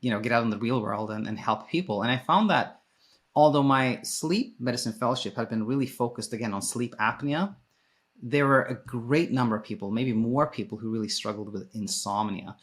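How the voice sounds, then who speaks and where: On a podcast, a Swedish sleep coach who used to be a sleep physician answers interview questions a little fast in a medium-pitched voice. His style is informal and explanatory, and he keeps rephrasing as he goes.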